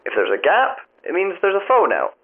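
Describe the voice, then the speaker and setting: In a naturalistic audio drama, an actor voices a hesitant, wry, affable man who tests the tower phones, his high male voice swinging hugely in pitch as he speaks haltingly through a thin telephone filter with music underneath. He sounds vague and matter-of-fact, literal-minded and politely bemused.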